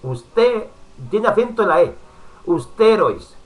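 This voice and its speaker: Preacher over faint music. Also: male voice, on the high side, lively intonation, rough recording. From Spain. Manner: warm pastoral address with frequent asides, pausing to work the computer. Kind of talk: recorded Bible study sermon.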